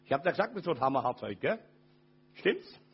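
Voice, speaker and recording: An older man giving a personal testimony to an audience, dramatic, dropping from loud to very quiet. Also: on the high side, very animated, brisk, slightly rough, highs cut off.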